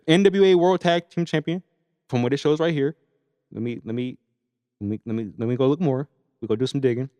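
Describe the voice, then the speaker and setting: A man's voice: medium pitch, fairly quick, dark tone, highs cut off. Laid-back man in a reverberant room. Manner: laid-back, chewing gum while reading stats. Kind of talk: casual chat.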